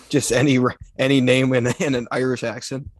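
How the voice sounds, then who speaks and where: A man's voice: medium pitch, fairly even intonation, normal speed, no echo. A man co-hosting a casual podcast with a dry, joking, laid-back way of talking. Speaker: podcast co-host.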